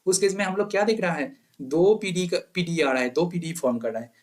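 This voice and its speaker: Guy giving a maths lesson, kinda high voice, keeps asking then answering himself. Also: brisk. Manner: poses questions to himself, then answers them; mixes Hindi with English maths terms. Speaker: maths teacher. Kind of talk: lecture to exam students.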